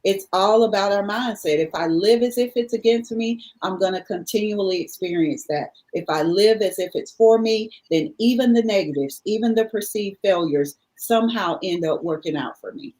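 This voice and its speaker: A woman's voice: medium pitch, moderate pace, hardly any pauses, darkish tone, poor audio. A woman guest speaking earnestly in a reflective, motivational conversation, repeating favorite sayings for emphasis.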